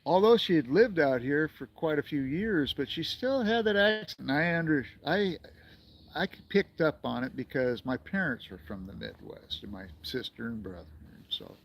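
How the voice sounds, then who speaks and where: A man's voice: fairly high pitch, expressive, moderate pace. A man in his sixties from the United States, rambling and chuckling as he chats casually with viewers on a livestream. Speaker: livestream host.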